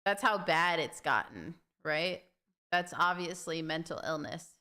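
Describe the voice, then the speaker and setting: A woman hosting a reaction video, chatting casually with sarcastic asides and quick agreement. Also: low-pitched, bright, forceful tone, clean tone. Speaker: host reacting to a panel video.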